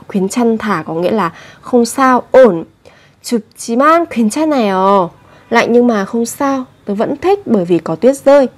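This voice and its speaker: Patient higher-pitched woman teaching grammar. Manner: patient, repeats example words slowly. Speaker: Korean language teacher. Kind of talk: explaining grammar and pronunciation.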